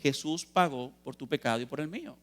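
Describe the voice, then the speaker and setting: Earnest preaching man, fairly high voice. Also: expressive, fairly quick, fairly bright tone. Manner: earnest, emphatic, asks and answers questions; addresses listeners as brothers. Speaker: youth preacher. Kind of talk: sermon. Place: church youth meeting.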